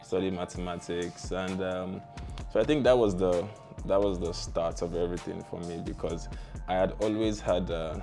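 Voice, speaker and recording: A young man from the tech founder world, speaking with a Nigerian accent, tells laid-back, slang-filled stories as an interview guest, seated in a small curtained studio. His low, warm voice keeps fairly even intonation at a moderate pace over soft background music.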